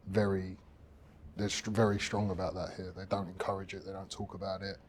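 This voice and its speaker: A British man in his thirties speaks in a fairly low voice during a relaxed podcast chat. He talks hesitantly, restarting phrases and leaning on fillers. A faint hum of ambience sits behind him. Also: fairly quick. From United Kingdom. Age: 30s.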